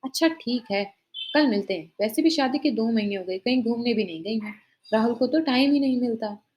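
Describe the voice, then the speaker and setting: A woman's voice: a little high, a little fast, dull audio, lightly acted. A woman voicing a greedy, scheming young daughter-in-law who talks sweetly while shifting blame. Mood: sly.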